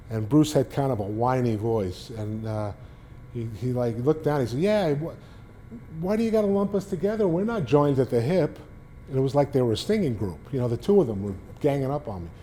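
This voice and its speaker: A man's voice: mid-range voice, mellow, slight background noise. A man in his sixties with a Boston accent, telling rambling anecdotes with many restarts to a library audience. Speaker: guest speaker, former sports beat writer. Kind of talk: casual storytelling talk to a library audience. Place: public library talk.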